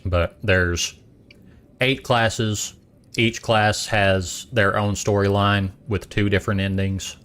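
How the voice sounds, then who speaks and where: A man's voice: fairly low pitch, steady tone, slow pace, fairly bright tone, clear, resonant tone. A young adult man casually chatting while streaming a game, rambling and eating as he talks. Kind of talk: casual gaming stream chat.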